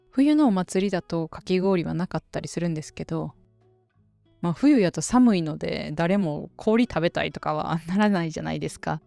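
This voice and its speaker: A woman with a Kansai Japanese accent hosting a casual solo podcast for Japanese learners, chatty and relaxed. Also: fairly low pitch, vocal fry, dry recording. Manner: chatty and relaxed, dialect-heavy. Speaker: podcast host teaching Japanese.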